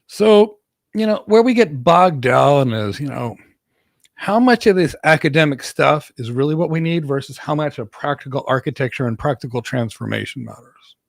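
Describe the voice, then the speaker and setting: Here the host, a cloud architect from Greece who speaks with an American accent, takes viewers' career questions in a slightly high, expressive voice at normal speed with some vocal fry. He's emphatic, frequently repeating words for stress, and the sound is clean studio audio without echo.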